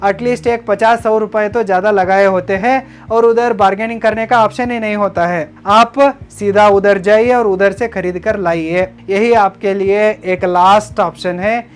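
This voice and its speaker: A man's voice: sits high, steady tone, normal speed, hardly any pauses, clear, resonant tone. A man narrating a business lesson, giving step-by-step tips in an instructive way and addressing viewers as friends. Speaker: business educator. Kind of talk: scripted narration.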